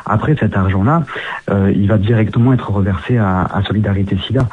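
A man from France, a guest in an interview, answering quickly and earnestly with many restarts, heard down a phone line. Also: fairly low pitch, a little hiss or hum. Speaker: guest, social media activist.

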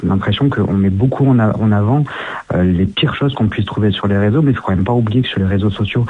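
A man from France, a guest in an interview, answering quickly and earnestly with many restarts, heard down a phone line. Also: on the low side, husky. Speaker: guest, social media activist.

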